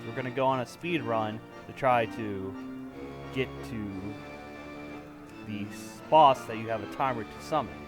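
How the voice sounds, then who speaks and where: A man gives a casual video game walkthrough in a medium-pitched voice. Game music plays faintly behind his commentary. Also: a little slow. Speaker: gamer making a walkthrough.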